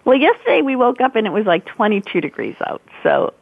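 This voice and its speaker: A woman's voice: fairly high pitch, sing-song, fairly quick, gravelly, no room sound. A woman with a Boston accent chatting casually as a guest on a radio show over a phone line. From Boston area, United States. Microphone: phone call into radio show. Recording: narrowband phone-line call.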